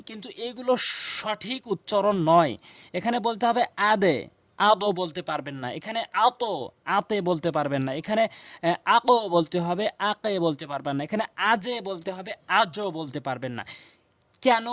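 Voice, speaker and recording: A man teaching Quran recitation, spelling out letters slowly and repeating each sound. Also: high voice, dry recording. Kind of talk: recitation lesson.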